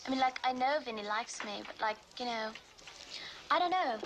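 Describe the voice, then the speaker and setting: A woman's voice: fairly high pitch, expressive, moderate pace, noisy background, voice pushed up. A woman voicing an airheaded young valley girl with a put-on California valley girl accent, rambling with fillers. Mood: dreamy, unsure. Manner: rambling filler-laden uptalk.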